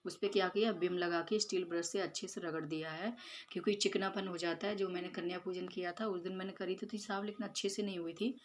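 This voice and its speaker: A woman's voice: fairly low pitch, steady tone, fast, slight background noise. Chatty woman narrating home cooking. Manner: chatty, explains step by step with many fillers. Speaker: home cooking vlogger and mother. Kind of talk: casual voice-over narration of cooking and chores. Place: home kitchen.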